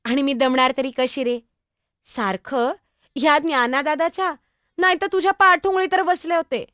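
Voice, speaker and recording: एका स्त्रीने साकारलेली लहानगी मुक्ताई, अवखळ, गप्पिष्ट, खूप उंच आवाज, एकपात्री नाटक. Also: female voice, high-pitched, normal speed, fairly bright tone, no echo, studio quality. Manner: chatty, teasing, innocent, exclamatory. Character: young girl, Muktai, lively younger sister. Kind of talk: solo stage monologue.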